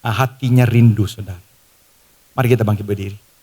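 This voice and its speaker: A man's voice: fairly low pitch, fairly even intonation, brisk, a little mellow. A man preaching a sermon as pastor, emphatic and fervent, addressing the congregation directly. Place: large church hall. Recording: long church hall reverb with music. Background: worship music.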